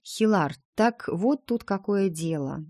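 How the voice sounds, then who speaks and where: A woman's voice: mid-range voice, expressive, slow pace, a little mellow, dry recording, studio quality, pitched above the performer's own voice. A woman reading the part of a chatty, playful young heroine in an audiobook, wheedling her dragon friend.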